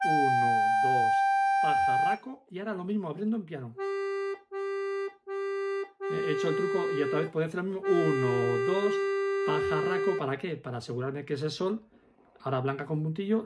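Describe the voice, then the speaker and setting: Patient man teaching accordion, slightly high voice. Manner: patient, explains bar by bar, counts beats aloud. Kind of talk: step-by-step music lesson.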